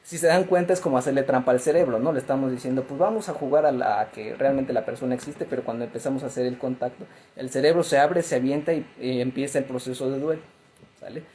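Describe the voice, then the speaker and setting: A male therapist explains grief in an easy, conversational way, scattering fillers and tag questions through his talk. His voice is mellow and dark rather than bright. A faint noise floor sits under the recording. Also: mid-range voice, fast, rough recording.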